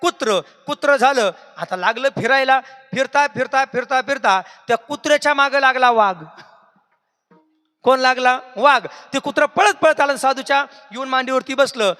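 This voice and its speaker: Preacher, high and bright, call-and-response, hall reverb. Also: male voice, moderate pace. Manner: questioning the audience, singsong. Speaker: kirtan preacher. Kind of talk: devotional sermon with call-and-response.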